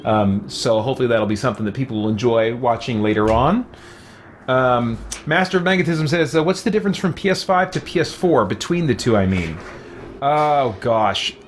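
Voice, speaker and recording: A man with a mid-range voice and lively intonation chats casually at normal speed on a livestream, playing a game and answering viewer comments hesitantly while searching for words. Faint music plays behind him, and there's a little hiss or hum.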